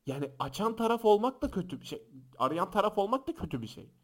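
A young man hosting a podcast, telling funny stories and acting out the shouting people in them. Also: sits high, fast. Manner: animated, acts out quoted shouts and voices. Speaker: podcast host. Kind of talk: casual podcast storytelling. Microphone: close podcast microphone.

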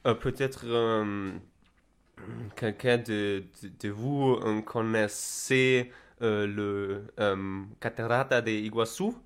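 A young man from Germany with a German accent touched by Spanish, speaking broken, halting non-native French in a casual interview, often repeating and searching for words. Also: lowish voice, fairly even intonation, smooth. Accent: German with Spanish influence. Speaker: interviewee recounting travels.

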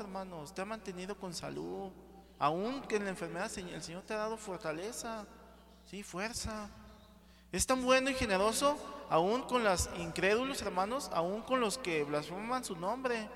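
A man's voice: high-pitched, normal speed, crowd noise. A man preaching a sermon, often asking the congregation "sí?" and calling them brothers. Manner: calls out to the congregation with frequent "sí?" and "hermanos". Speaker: pastor. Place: church hall. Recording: reverberant church hall with congregation.

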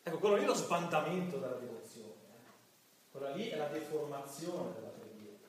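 A man giving a sermon-style talk as a priest, lively, acting out the voices of people praying to mock them. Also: a little high, fairly quick, a little hiss or hum. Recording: echoey church from a distant mic.

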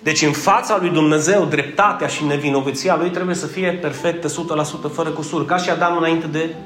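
Male preacher with a lilt, high voice, quizzes and teases his congregation, in a roomy church with soft music. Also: fairly even intonation. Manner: joking, asks the congregation questions. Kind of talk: conversational sermon with congregation call-and-response.

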